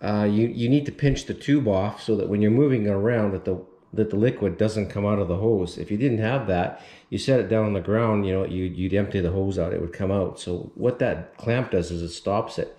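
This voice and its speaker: A man in his fifties giving a relaxed, rambling how-to walkthrough, full of fillers, filmed on a handheld camera inside an empty mobile home. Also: fairly low pitch, fairly quick. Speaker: renovation vlogger. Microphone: action camera held at arm's length. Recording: echoey bare room.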